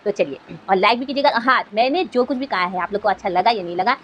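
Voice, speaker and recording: A woman's voice: mid-range voice, lively intonation, quick pace, a bit bright, a little hiss or hum, low-quality recording. A woman YouTuber giving an earnest motivational talk to fellow creators, asking rhetorical questions as she goes.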